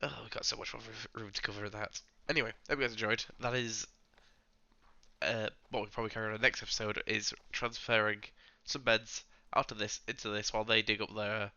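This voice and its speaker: Croaky man, gameplay chatter. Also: fairly low pitch, flat delivery, fairly quick, pushed and bright, dry recording, dull audio. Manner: chatty, rambling, talks to viewers and to game characters. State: hoarse from illness. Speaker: gaming channel host. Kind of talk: casual gameplay commentary.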